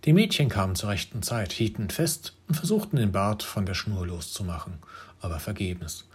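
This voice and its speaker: A man reading a fairy tale aloud, narrating in a lively way with occasional slips. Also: fairly low pitch, moderate pace, breathy edge. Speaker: storyteller.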